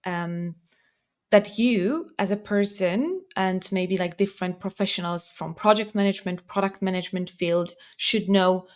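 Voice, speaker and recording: A woman's voice: mid-range voice, unhurried, darkish tone. A woman hosting a podcast, introducing the show and asking a guest questions in a friendly, chatty way with many fillers. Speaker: podcast host. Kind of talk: podcast interviewing.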